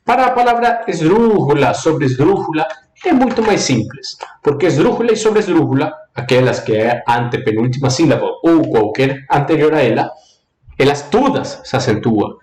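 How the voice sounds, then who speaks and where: A man teaching Spanish in a live online lesson, lively and repetitive, drilling the rules in a singsong way and mixing Portuguese with Spanish. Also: fairly high pitch, normal speed, roomy sound.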